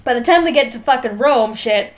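Talking briskly and with animation, a young female podcast co-host gives her slightly high-pitched take on a film. She's informal and emphatic, swearing plenty and saying "like" constantly.

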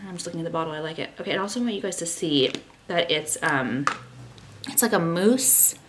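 In her bedroom at home, a thirty-something vlogger holds the camera at arm's length and chats loosely about a skincare product, often joking at her own expense. She speaks a little fast with a lowish voice and lively intonation over a noisy background.

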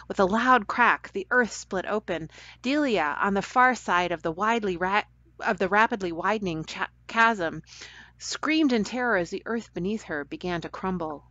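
A woman telling a children's story aloud for a church program in a gentle, caring way. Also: medium pitch, expressive, normal speed, no room sound. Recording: dull dry lo-fi recording.

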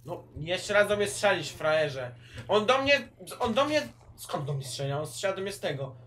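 A young man casually commentating a Minecraft game with friends, loud and swearing, shouting at the game. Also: high-pitched, lively intonation, moderate pace, a little hiss or hum. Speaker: gaming channel host.

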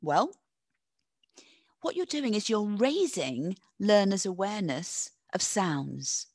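Woman, webinar presenter; encouraging, teacherly, very lively intonation. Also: medium pitch, dry recording. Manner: encouraging, reads chat answers aloud and praises them; lively teacherly delivery with drawn-out stressed words. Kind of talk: live online teacher-training webinar.

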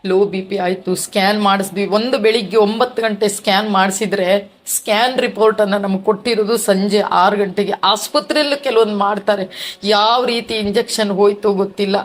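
A woman's voice: mid-range voice, steady tone, a little fast. Grieving middle-aged woman recounting loss. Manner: grieving, repeats words and restarts. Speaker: devotee sharing her testimony. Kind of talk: emotional personal testimony.

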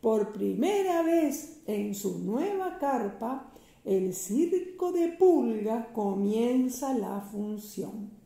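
A woman's voice: fairly high pitch, big pitch swings, drawn-out words, gravelly, warm tone, roomy sound, exaggerated voice. A woman voicing a tiny flea who runs a circus, announcing like a showman in a children's storybook reading.

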